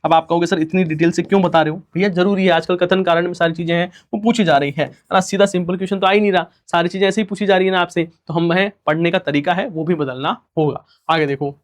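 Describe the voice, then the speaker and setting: Male tutor, fairly high voice, quick recorded lecture, asks and answers himself. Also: steady tone. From India. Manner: rhetorical questions and repeated answers, student-style replies; fast-talking. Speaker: teacher. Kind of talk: recorded exam-prep lecture.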